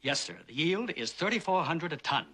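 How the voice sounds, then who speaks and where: A man's voice: fairly high pitch, big pitch swings, moderate pace, a bit bright, husky, heavily acted. An actor playing a meek, deferential henchman reporting to his boss in a TV western. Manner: apologetic, deferential. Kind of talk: TV western drama acting.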